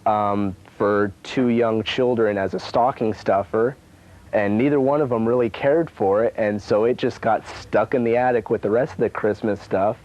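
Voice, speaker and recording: A man's voice: fairly low pitch, fairly even intonation, moderate pace, a little mellow, muffled recording. A man explaining collectible prices to camera in an easygoing way with frequent ums, heard through a worn VHS tape copy. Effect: worn VHS tape sound. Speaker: collectibles dealer.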